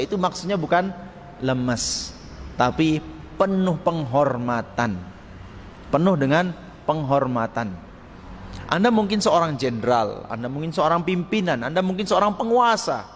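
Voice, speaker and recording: A man teaching a mosque study circle. He talks in a lively way, acts out short quoted lines and chuckles often. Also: fairly high pitch. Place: mosque hall. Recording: long hall reverb with faint noise.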